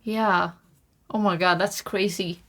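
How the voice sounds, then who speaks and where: A young woman co-hosting a casual podcast, giggly and excitable, quick to agree. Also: medium pitch. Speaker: podcast co-host. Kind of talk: casual chat.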